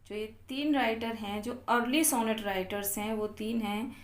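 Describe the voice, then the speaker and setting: A woman teaching literature for exam prep, reading English points slowly and explaining each in Hindi with questions to the class. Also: on the high side, fairly even intonation, reverberant.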